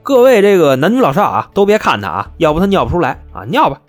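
Guy doing a high squeaky busybody doctor, husky, lively. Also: fast talker, faint music behind. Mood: coaxing. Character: fussy eager male doctor, a meddling hostage.

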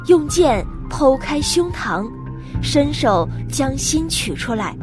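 A woman narrating a classic tale as a storyteller, in a lively, dramatic way. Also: sits high, takes it slowly, over music.

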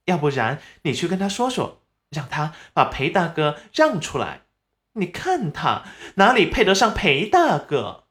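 A narrator voicing a scheming young village girl who whines and fakes tears in a high voice, in an audiobook. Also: wildly swooping pitch, measured pace, a bit bright. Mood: coaxing. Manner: high, coaxing, fake crying.

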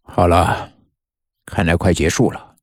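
A man voicing a cruel, smug male schemer who gloats calmly. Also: sits low, a little slow, dry recording, studio quality. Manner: calm, gloating.

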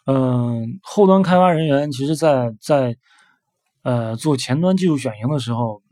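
A man's voice: mid-range voice, a little slow, mellow, no echo. Hesitant man talking casually, dry close sound. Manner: hesitant, many fillers and repeated words. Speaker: developer sharing advice. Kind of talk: casual spoken talk.

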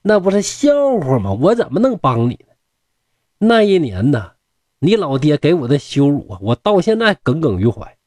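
A man's voice: on the high side, wildly swooping pitch, moderate pace, a little mellow, no room sound, studio quality. A man voicing a proud young scholar who teases and grumbles in blunt colloquial speech. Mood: mocking. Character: proud young scholar, teasing and grudge-holding.

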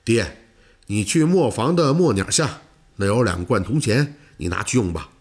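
A man voicing a calm, secretive teenage farm boy who speaks low and matter-of-fact in a storytelling reading. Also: normal speed, husky.

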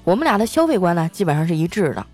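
A woman's voice: on the low side, sing-song, racing, a little mellow, soft background music. A young woman hosting a show, telling funny anecdotes in a playful, giggly way. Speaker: podcast host. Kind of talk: comic storytelling.

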